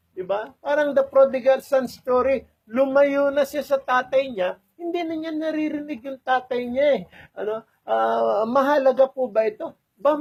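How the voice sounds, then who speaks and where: A man's voice: extremely high pitch, a little mellow. A man with a Filipino accent preaches a sermon, moving between Tagalog and English and often asking his listeners to agree. He breaks in with hallelujahs as he goes. The recording is dull and lo-fi. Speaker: lay preacher.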